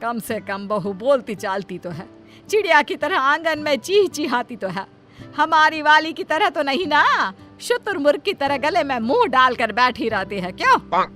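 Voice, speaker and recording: A woman voicing a complaining, dramatic middle-aged mother-in-law in an animated story. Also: sits high, normal speed, faint music behind, full character voice. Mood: grumbling.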